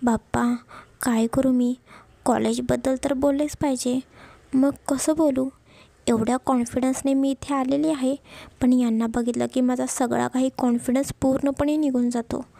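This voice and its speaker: A woman's voice: high voice, fairly even intonation, normal speed, creaky, warm tone, no room sound. A woman voicing a stubborn, sulking young wife who pouts and complains. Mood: fretful. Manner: sulky, pouting complaints.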